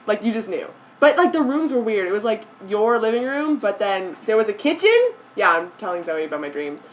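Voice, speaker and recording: Young woman, animated and giggly storyteller, keeps losing her thread; filmed indoors on camera among friends. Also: mid-range voice, fairly quick, slight background noise, low-quality recording. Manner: giggly, easily sidetracked, lots of "like" and "anyways". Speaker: vlogger. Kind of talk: casual rambling story to a friend.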